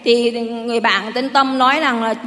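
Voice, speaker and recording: A woman's voice: fairly high pitch, steady tone, normal speed, fairly bright tone. A middle-aged woman gives a rambling, heartfelt church testimony. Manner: rambling, heartfelt storytelling with many restarts. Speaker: parishioner giving testimony. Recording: long hall reverb.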